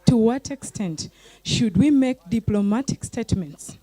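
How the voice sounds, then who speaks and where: A woman's voice: a little high, lively intonation, a little slow, warm tone, dry recording. A woman at a youth panel discussion, putting pressing, rhetorical questions with restarts. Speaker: youth forum participant.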